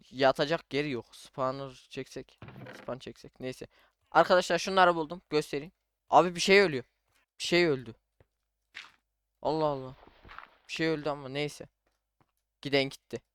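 This smooth, medium-pitched male voice belongs to a young gaming YouTuber commenting casually on his Minecraft game. Chatty and talking to himself while he plays, he addresses viewers too, often dropping "abi" and "arkadaşlar."

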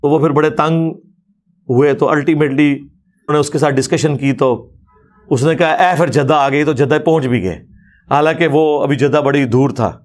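A male religious lecturer giving critical commentary on a clip in an argumentative, challenging manner. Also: on the high side.

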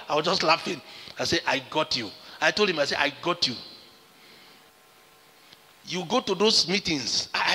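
Man, pastor, emphatic sermon, high voice, very bright and forceful tone, echoey hall with long reverb. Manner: emphatic preaching, acts out quoted exchanges.

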